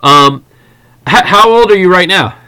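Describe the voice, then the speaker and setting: Casting: American-accented male podcast host, lightly high register, casual interviewing. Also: expressive, measured pace, pushed and bright, clear, resonant tone, poor audio. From United States.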